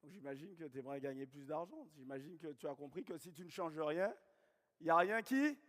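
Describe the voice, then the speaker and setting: A man's voice: a little high, lively intonation, a little fast, fairly bright tone. A man with a Guadeloupean accent giving a network marketing training seminar, repeating key points and questioning the audience. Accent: Guadeloupean French. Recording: long hall reverb.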